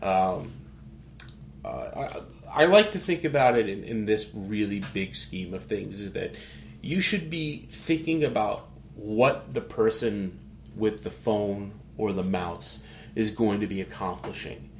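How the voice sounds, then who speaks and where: A man's voice: fairly low pitch, expressive, unhurried, roomy sound, slight background noise. A man with a New York accent hosting a casual tech conversation, rambling with restarts and fillers. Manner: rambling, restarts, frequent "like" and "you know".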